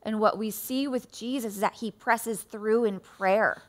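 A woman's voice: fairly high pitch, fairly even intonation, measured pace. A woman preaching heartfelt and candid in a conversational sermon with her husband. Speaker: pastor.

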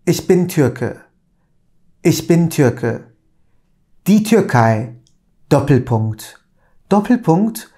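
A middle-aged man, a native Turkish speaker, teaching German through a slow, deliberate dictation lesson, repeating each phrase, recorded on a lapel mic in a small room. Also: on the high side, a little mellow. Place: small indoor room at a desk.

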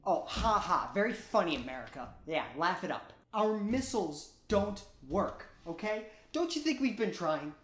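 A man's voice: sits high, big pitch swings, normal speed, hardly any pauses, fairly bright tone. A young man playing a childish, squabbling world-leader delegate in a comedy sketch, slangy and petulant. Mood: sulky, exasperated. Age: young adult. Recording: roomy echo.

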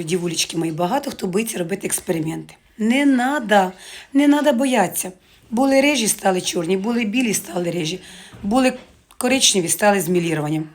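Fast-chatting woman vlogger. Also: lowish voice, breathy edge. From Ukraine. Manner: chatty, joking, addresses viewers as girls. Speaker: market vlogger. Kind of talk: casual live chat to viewers.

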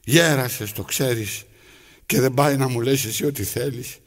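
The actor speaks in a natural, mid-range male voice. His role is an aging, lonely man stitching his trousers who talks to himself and his needle, alternately coaxing and scolding, in a rambling theatrical monologue.

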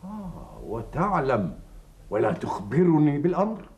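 An actor playing a stern, commanding ruler who questions imperiously in a period drama. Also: male voice, fairly high pitch, wildly swooping pitch, moderate pace, darkish tone, slightly rough, exaggerated voice.

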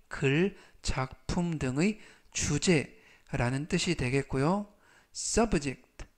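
A man teaching English vocabulary with a Korean accent, repeating each word three times and reading example sentences slowly and deliberately. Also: on the high side. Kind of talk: slow, deliberate vocabulary lesson.

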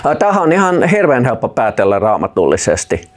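A man preaching a sermon in an informal, direct way, with many hesitation fillers. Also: mid-range voice. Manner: lively rising and falling delivery with frequent hesitation fillers; informal speech, addresses listener directly.

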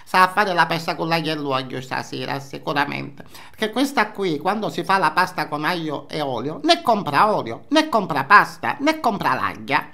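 Man playing a high-pitched Sicilian-dialect gossiping housewife. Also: big pitch swings, normal speed, vocal fry, sharp tone, exaggerated voice. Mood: indignant gossip. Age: older. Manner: Sicilian dialect mixed in, scolding and repetitive. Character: nosy, indignant older Sicilian housewife, gossiping about neighbours. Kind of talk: comic character monologue. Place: small indoor room, seated facing camera.

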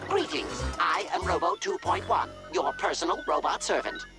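A man's voice: high-pitched, expressive, normal speed. An actor voicing a polite robot butler servant in a cartoon, speaking in a formal, courteous way as he offers his services. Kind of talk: cartoon voice acting. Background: loud music.

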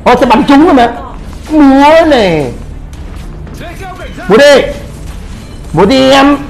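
High-voiced man swearing over a game. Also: animated, slow, soft background music, poor audio. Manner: swears, cries out in pain during play. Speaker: gamer streamer. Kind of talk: casual gameplay commentary.

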